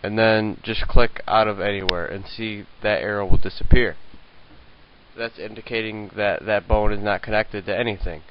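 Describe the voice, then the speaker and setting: A young man with a fairly low voice walks through a software tutorial, talking casually and hesitantly with lots of okays and fillers. His handheld mic sounds dull and lo-fi, with a clear hiss running under everything. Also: fairly even intonation, moderate pace. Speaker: tutorial maker. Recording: lo-fi hissy home mic.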